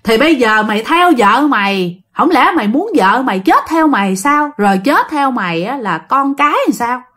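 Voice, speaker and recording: A woman voicing a stern male exorcist around seventy, with a Southern Vietnamese accent, who scolds in a forceful, barking way. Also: extremely high pitch, expressive, normal speed, exaggerated voice. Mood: stern scolding.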